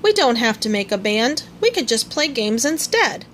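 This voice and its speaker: Woman as Roo, a high-voiced little kangaroo. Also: sing-song, normal speed, fairly bright tone, slight background noise. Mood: comforting. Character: small, caring male storybook kangaroo child.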